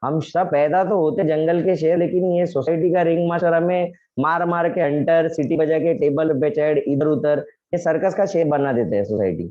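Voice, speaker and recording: A man giving a guest talk, telling a rambling, lively anecdote with many fillers and English phrases mixed in. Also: a little high, normal speed, no echo, highs cut off. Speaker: guest speaker.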